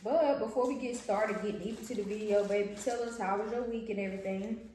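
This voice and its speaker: Over a meal at an indoor restaurant table, a young pregnant woman who co-hosts a vlog chats casually to her viewers, often using y'all. Her mid-range voice is warm and steady, and she speaks fairly quickly. The room sounds very echoey, with faint noise.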